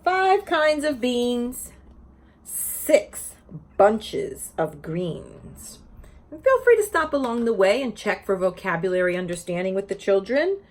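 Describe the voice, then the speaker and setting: Speaking slowly with big pitch swings in a voice on the high side, a woman teacher presents read-aloud videos for teachers. She gives an informal, explanatory lesson centered on reading a children's picture book aloud.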